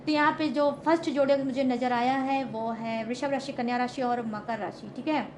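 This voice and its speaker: Chatty high-voiced woman tarot reader. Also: steady tone, a little fast, background noise. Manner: chatty, repeats "ठीक है?" and "guys" often; emphatic, confident predictions. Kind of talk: casual tarot reading to camera.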